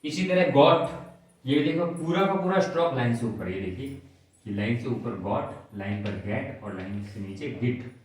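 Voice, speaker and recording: A man's voice: medium pitch, animated, moderate pace. Male shorthand teacher, patient and methodical, in a mid-range voice, with a roomy, distant sound. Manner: patient, step by step, asks if students follow. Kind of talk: classroom lesson explaining on a board. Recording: very echoey room, mic at a distance.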